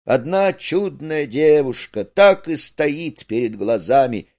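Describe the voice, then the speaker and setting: A man voicing an excitable, pompous young man in love who speaks in ceremonious declarations. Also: fairly high pitch, slow pace, voice pushed up. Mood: excited.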